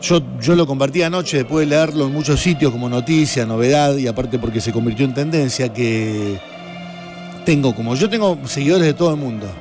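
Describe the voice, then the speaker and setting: A man with an Argentine Spanish accent hosts a radio and TV show, chatting casually and enthusiastically explaining things to listeners. His medium-pitched voice moves briskly over background music.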